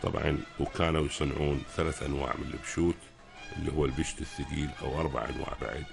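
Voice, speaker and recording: A man with a Kuwaiti Gulf Arabic accent explaining things as a guest expert on a radio talk, pausing to search for words. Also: very deep voice, steady tone, gravelly, music in the background.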